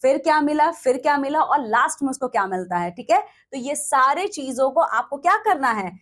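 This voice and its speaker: A young woman with an Indian accent teaching an English textbook lesson, mixing Hindi and English, reading sentences out slowly and checking in often. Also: high voice, lively intonation, a bit bright. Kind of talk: classroom lesson explanation.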